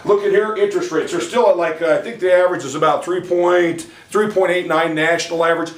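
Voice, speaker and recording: A man's voice: high voice, fairly even intonation, quick pace. A man presenting a monthly real estate market update as a company president, folksy and emphatic, speaking straight to buyers. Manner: folksy and emphatic, joking between figures; walks through slides and addresses buyers directly. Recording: echoey room, mic at a distance.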